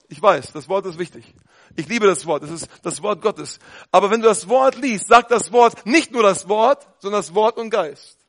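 A man preaching a sermon with fervour, dropping to quiet talk and then shouting out his points. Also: high-pitched. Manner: fervent, switches between quiet talk and shouting.

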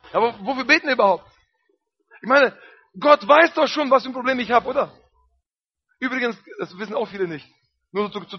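A man's voice: high-pitched, slightly rough, muffled recording. A man preaching a sermon with emphasis, repeating phrases and calling out hallelujah and amen.

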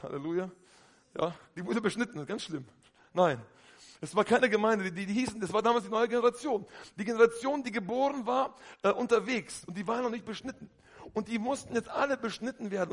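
A man preaching a lively sermon to a congregation, talking to them directly and often calling out hallelujah. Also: high voice.

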